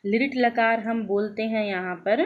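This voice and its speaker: A woman teacher giving a grammar lesson, slowly reciting verb forms and checking in with her students. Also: fairly high pitch, fairly even intonation, phone-quality sound. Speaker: Sanskrit teacher.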